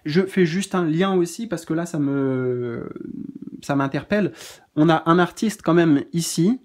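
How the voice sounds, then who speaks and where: A man giving a gentle, reassuring spiritual card reading in a casual spoken style, pausing often with fillers. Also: fairly high pitch.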